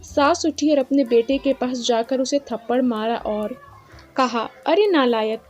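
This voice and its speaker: संगीत के साथ कहानी सुनाती महिला. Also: female voice, high-pitched, measured pace. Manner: steady, plain storytelling. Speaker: storyteller. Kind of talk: moral story narration. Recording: slightly dull lo-fi with soft music.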